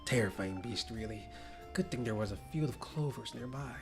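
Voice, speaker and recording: A man's voice: mid-range voice, moderate pace, vocal fry, over music, close to an everyday voice. A man voicing a brash one-armed woman in a pirate drawl, sly and joking, reading game lines aloud.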